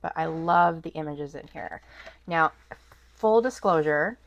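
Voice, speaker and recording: A woman with a deep voice speaks unhurriedly, her cold making her sound stuffy and nasal. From her home desk she rambles through a casual haul vlog with many ums and restarts, captured on dull audio.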